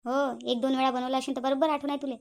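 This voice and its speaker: A woman's voice: sits high, level tone, fast. A woman voicing a quarrelsome middle-aged mother-in-law in a cartoon, nagging and accusing. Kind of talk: cartoon voice acting.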